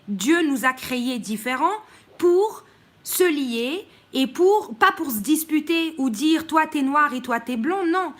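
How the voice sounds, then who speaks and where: A Moroccan woman with a high, slightly bright voice delivers a blunt live-stream monologue. She greets viewers along the way and often hesitates mid-sentence, outspoken despite the many pauses.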